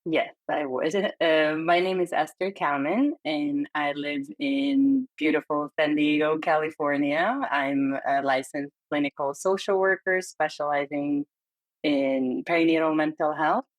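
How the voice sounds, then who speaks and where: Candid and earnest, a middle-aged perinatal therapist from Hungary speaks as a guest in a conversational podcast interview, her Hungarian accent clear and light laughs falling between phrases. Her deep, steady voice is unhurried, and the recording carries no room sound.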